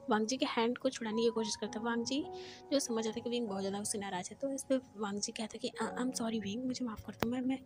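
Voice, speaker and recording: A woman narrating a romance story in a steady, plain way, her voice sitting fairly high. Clear background music plays under her reading. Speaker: fan fiction storyteller.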